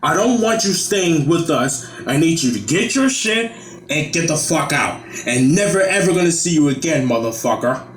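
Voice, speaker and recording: A man's voice: fairly high pitch, slight background noise. A man voicing an enraged man who curses and throws someone out. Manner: cursing, blunt, threatening. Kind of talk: amateur online drama. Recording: echoey room recording.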